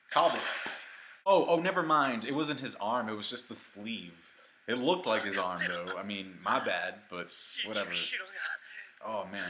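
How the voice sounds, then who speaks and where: A man giving live reaction commentary on an anime episode, exclaiming and cheering at the screen, then reviewing more calmly. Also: fairly low pitch, background noise. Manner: calmer reflective review toward the end.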